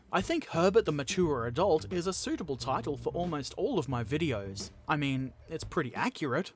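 Guy reading viewer comments, dry sarcastic jokes, kinda high voice, bouncy. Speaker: YouTube host.

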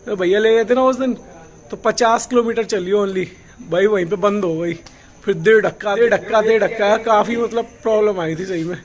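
A man's voice: sits high, moderate pace. A young man chatting casually to viewers in a vlog, exclaiming often. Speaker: vlogger.

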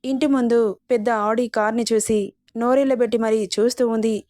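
A woman storyteller reads a serialized story with a steady, expressive delivery. Her voice sits somewhat high, and the recording is dry and close. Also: moderate pace, no room sound. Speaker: storyteller host.

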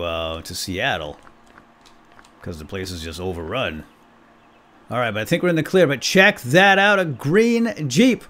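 A gaming YouTuber hosts a let's-play, chatting casually and playfully to himself with mild folksy exclamations. His voice is on the low side and a bit bright.

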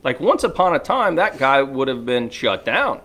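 A man with a mid-range voice co-hosts a casual podcast chat. He makes his points emphatically and with strong opinions, building them up through animated examples. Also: medium pitch, normal speed. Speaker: podcast co-host.

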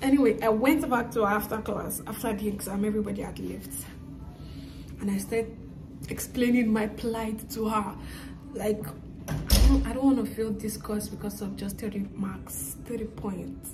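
A woman's voice: mid-range voice, fairly even intonation, moderate pace. A woman in her twenties chatting straight to her viewers in a casual vlog, telling them about her day. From not from Canada, studying there. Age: 20s. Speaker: vlogger. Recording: noisy with crowd chatter.

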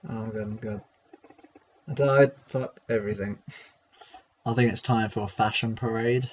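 A man chatting excitedly and joking around with teammates over gaming voice chat on a headset mic. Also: on the low side, moderate pace. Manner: excitable and jokey. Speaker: gamer. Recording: slightly dull lo-fi mic with faint noise.

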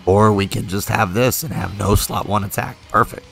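A creaky, somewhat low male voice at normal pace narrates a mobile game session over faint music. The creator behind the video thinks aloud in a relaxed way with fillers, his voice fading because he's a little sick.

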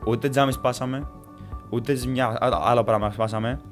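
Animated man telling a story. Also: medium pitch, soft background music. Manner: animated, casual, swearing, acts out scenes. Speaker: vlogger. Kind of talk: story time vlog.

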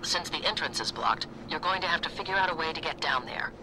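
Man voicing a brisk radio contact. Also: on the high side, lively intonation, close to an everyday voice. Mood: instructive. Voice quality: brisk, instructive. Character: briefing radio contact, businesslike. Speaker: radio contact giving directions. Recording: game audio with clear background noise.

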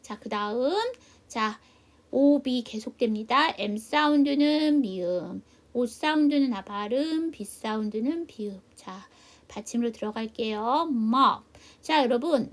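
A middle-aged woman teaches a beginner English class. Her voice sits a little high, and she explains patiently, slowing down to spell out each letter. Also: a bit bright. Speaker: English teacher at a seniors' welfare center. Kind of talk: classroom lesson.

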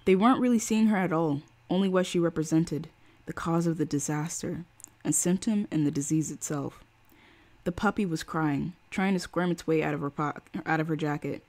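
A woman with a low, darkish voice reads a novel aloud on a live stream. She gives the quoted lines feeling and acting, and she pauses now and then to greet her chat.

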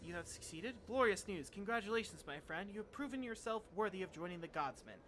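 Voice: medium pitch, expressive, quick pace, lightly acted. A streamer reading as a formal faction leader. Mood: pleased.

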